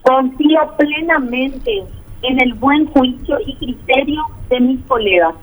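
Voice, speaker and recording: A woman's voice: high-pitched, slow pace. A woman senator, speaking as a remote guest over a crackly, breaking-up phone line. She talks in a formal, emphatic and firm way.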